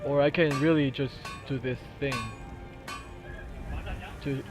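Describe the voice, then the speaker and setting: A Korean man with a Korean accent records a tutorial, casually talking through a video game glitch in English with a halting delivery, searching for words, using fillers and restarts, and laughing now and then. His mid-range voice keeps a steady tone, the audio is dull, and game music and sounds play behind him.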